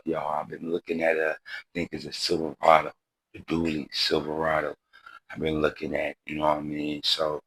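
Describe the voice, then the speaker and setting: A man's voice: a bass voice, a bit bright, slightly rough, dry recording, rough recording. A man in his forties hosting a model car channel, chatting casually to viewers in a laid-back, rambling way, often saying "y'all" and "you know what I mean.". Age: 40s.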